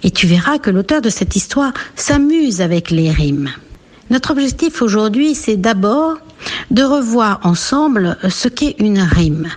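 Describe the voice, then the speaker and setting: A woman teaching a radio lesson for young children, speaking gently with encouraging leaps in her voice. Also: big pitch swings. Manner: slow, gentle, lilting teacher voice with big pitch leaps to encourage. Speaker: preschool teacher.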